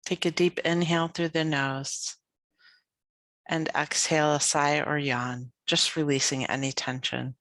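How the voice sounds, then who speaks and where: Her voice sits low and her delivery is flat as she leads yoga nidra meditation, soothing listeners with gentle, unhurried wording and lengthy silences. No room sound comes through.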